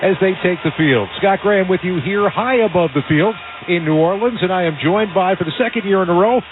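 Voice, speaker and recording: Male play-by-play radio announcer, polished and upbeat, slightly high voice, thin radio audio. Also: fairly quick, noisy background. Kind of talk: radio sports broadcast. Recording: phone-like band-limited radio audio.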